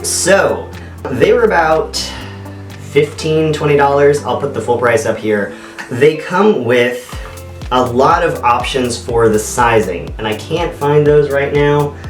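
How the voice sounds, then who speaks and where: A man giving a casual, halting, conversational product review to camera in an echoey apartment room. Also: medium pitch. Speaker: video reviewer. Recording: echoey bare apartment, distant mic, faint music.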